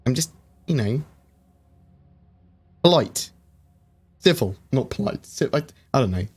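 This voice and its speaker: Reading chat questions aloud, this man answers them casually with a lot of fillers during his livestream Q&A. His mid-range voice is slightly rough, swings widely in pitch, and moves a little slowly.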